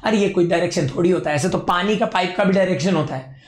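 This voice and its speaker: Hoarse, high-voiced male teacher. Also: quick pace, roomy sound. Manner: chatty, informal, addresses the student directly and bluntly. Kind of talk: casual online physics lecture.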